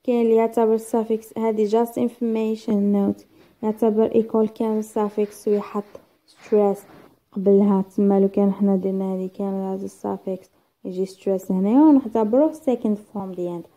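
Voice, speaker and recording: A woman's voice: mid-range voice, fairly even intonation, brisk, warm tone. A woman with an Algerian accent teaching an exam-prep lesson, mixing dialect with English terms and counting syllables aloud. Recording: tinny phone-like sound.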